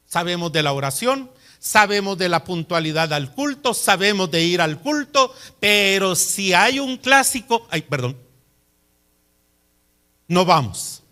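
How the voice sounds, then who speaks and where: High, bright-voiced preacher. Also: male voice. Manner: animated storytelling, emphatic. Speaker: pastor. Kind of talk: sermon.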